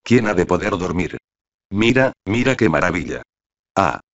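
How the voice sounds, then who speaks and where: A man's voice: low-pitched, animated, normal speed, lo-fi sound. A man voicing an enthusiastic young girl who pleads breathlessly with her friend to look at the moonlit night. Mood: rapturous.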